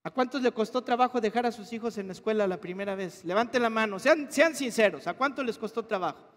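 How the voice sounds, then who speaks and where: A pastor preaches with a strikingly high voice, asking his congregation one question after another. His voice rings out with a long reverb through the church hall. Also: fast, a bit bright. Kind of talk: sermon.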